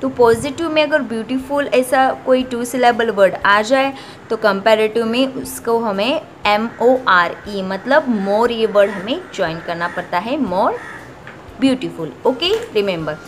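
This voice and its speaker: A woman teaching English grammar in a classroom style. She reads each rule out slowly, then explains it at length and keeps repeating "okay, remember.". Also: on the high side, a little hiss or hum. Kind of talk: classroom grammar lesson, mixing Hindi and English.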